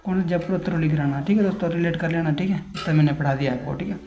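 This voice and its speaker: An unwell male tutor with a mellow, dark voice talks through exam questions, repeating phrases and stopping to apologize. He builds silly memory tricks as he goes. The recording is roomy and echoey, with a dull, lo-fi sound. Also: a little high, racing, soft background music. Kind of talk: casual Hindi exam-prep lesson.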